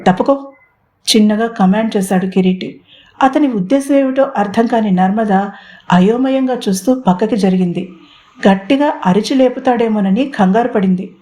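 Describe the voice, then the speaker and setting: A woman narrating an audio romance story in an expressive storytelling manner. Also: medium pitch, moderate pace. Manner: expressive storytelling, mixing in English words.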